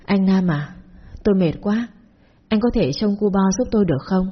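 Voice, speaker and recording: A woman voicing a frazzled young mother who talks softly and politely in a storybook tale. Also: medium pitch, expressive, moderate pace, breathy edge, lo-fi sound. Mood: weary. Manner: soft, polite.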